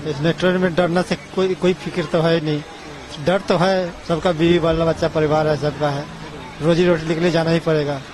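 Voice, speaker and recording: A man's voice: a little high, little pitch movement, moderate pace, rough recording. A man answering an interviewer outdoors, resigned and plain-spoken. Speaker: migrant worker interviewee. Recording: outdoor interview with loud music underneath.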